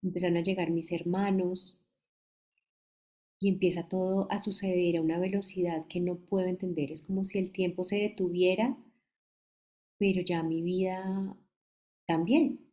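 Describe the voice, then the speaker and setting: Colombian mother, 40s, warm low voice; emotional, halting testimony. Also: steady tone. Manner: halting, emotional, restarts mid-phrase. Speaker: bereaved mother giving testimony. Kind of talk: personal testimony.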